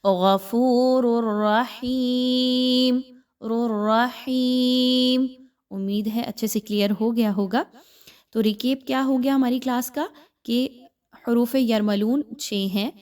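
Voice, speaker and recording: Woman teacher walking through recitation rules slowly and patiently, drops in english words here and there. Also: on the high side, warm tone. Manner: patient, step-by-step explaining. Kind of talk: recorded online class.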